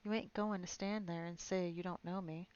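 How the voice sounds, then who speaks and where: A woman's voice: fairly low pitch, steady tone, normal speed, darkish tone, clean tone, lo-fi sound, lightly acted. A woman voicing a kindly, plain-spoken male cab driver who talks bluntly and drops his g's. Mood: folksy.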